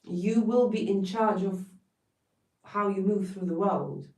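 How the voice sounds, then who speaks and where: A woman's voice: mid-range voice, slow pace, darkish tone. A woman from Poland with a Polish accent giving an emphatic, blunt motivational talk on a live stream, swearing now and then for emphasis. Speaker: wellness coach. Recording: roomy sound, distant from mic.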